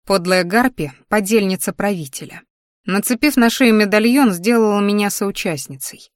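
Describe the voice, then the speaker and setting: A woman narrating a first-person fantasy audiobook with an expressive, emotional delivery. Her voice sits at a middling pitch. The recording is dry and close. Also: normal speed, dry recording.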